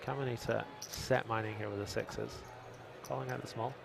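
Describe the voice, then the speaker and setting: A man's voice: medium pitch, fairly even intonation, normal speed, vocal fry, very noisy. A male poker commentator on a live stream. He trades jokes with his co-host and reads viewer chat aloud between hands.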